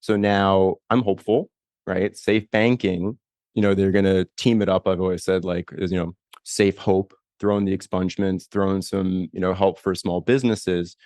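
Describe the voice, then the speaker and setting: A man's voice: sits low, flat delivery, normal speed, a little mellow, dry recording, studio quality. A man interviewing a guest, asking long, rambling questions full of "you know" and "right?". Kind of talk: conversational interview.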